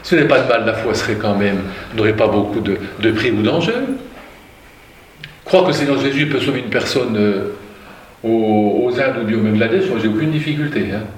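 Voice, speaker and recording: A man's voice: fairly low pitch, fairly quick, a little hiss or hum. A man preaching a sermon, reading scripture aloud and commenting with questions to his listeners. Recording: roomy, from far off, faint ambience.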